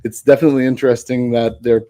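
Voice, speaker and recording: Mellow, rambling male developer. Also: mid-range voice, little pitch movement. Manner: rambling, self-correcting, quick to laugh. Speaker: guest developer. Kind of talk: casual tech chat.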